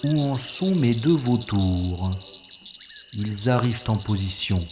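A fairly low, slightly mellow voice carries this audio drama inner monologue, slow and expressive. The man voices a secret agent hero who tells his own mission with wry self-mockery. The recording is roomy, with a little hiss or hum.

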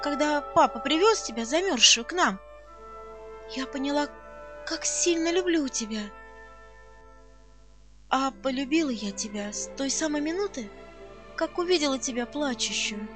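A woman voicing a gentle, serious girl who speaks earnestly and tenderly in an audiobook reading. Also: extremely high pitch. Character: gentle serious rich girl, orphan's friend.

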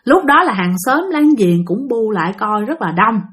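A woman's voice: a little high, big pitch swings, moderate pace, a bit bright. A woman telling ghost stories in a chatty way, often speaking directly to her listeners. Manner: chatty, keeps addressing the listeners. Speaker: storyteller of a channel. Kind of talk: casual spoken storytelling.

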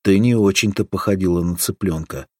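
A man reading a modern man's lines in an audiobook with a dry, deadpan manner. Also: sits low, a little fast, dry recording. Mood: wry.

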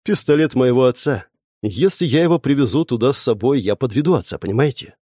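A man's voice: mid-range voice, animated, a little fast, mellow, dry recording, clean studio sound, lightly acted. A man reading a storybook, voicing a withdrawn teenage boy who gives short, reluctant answers. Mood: sullen.

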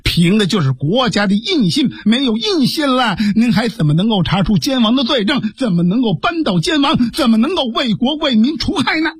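Shrewd urgent male officer, played by a male storyteller, high husky voice, dry sound. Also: animated, normal speed, hardly any pauses, no echo, full character voice. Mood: earnest pleading. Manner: urgent, pleading, pitched up. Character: shrewd, fast-talking male sworn brother officer. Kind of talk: Chinese storytelling performance.

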